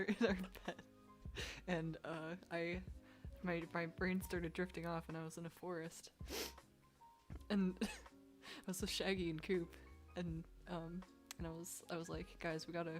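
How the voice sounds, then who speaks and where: A woman chatting casually on a stream, slow and giggly. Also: on the low side. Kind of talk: casual group chat on stream.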